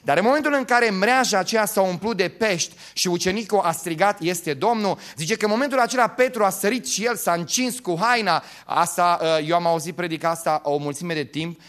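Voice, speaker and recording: A pastor preaching with a somewhat high male voice. He swings from ringing exclamations down to quiet, joking asides. His delivery stays lively and warm toward the congregation. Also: few pauses. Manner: jokes and laughs with the congregation. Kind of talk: sermon.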